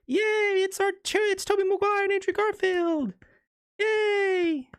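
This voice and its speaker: A man's voice: extremely high pitch, fairly even intonation, a little slow, dry recording, clean studio sound, voice pushed up. A man putting on a mocking, overexcited voice for a giddy pair of cartoonish male superheroes. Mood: mocking glee. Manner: squealing mock-cheerful parody voice.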